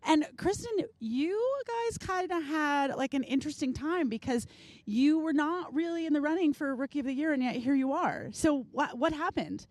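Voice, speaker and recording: A woman's voice: brisk, darkish tone, no echo. A woman hosting a live show, chatting casually and enthusiastically with guests at an outdoor rally event. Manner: chatty, enthusiastic, acts out quotes with big pitch jumps. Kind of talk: casual on-site interview.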